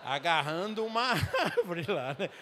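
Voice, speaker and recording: A male missionary preacher with a Brazilian Portuguese accent, telling a personal story in a sermon and acting out the dialogue with lively comic timing. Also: sits high, unhurried, background noise. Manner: animated storytelling, acts out dialogue, laughs along. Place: church sanctuary. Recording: church hall reverb.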